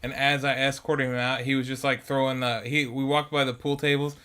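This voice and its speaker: A man's voice: mid-range voice, little pitch movement, a little fast, a bit bright, smooth. A man co-hosting a podcast, casually telling a story in a laid-back way with dry asides. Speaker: podcast co-host. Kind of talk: casual chat.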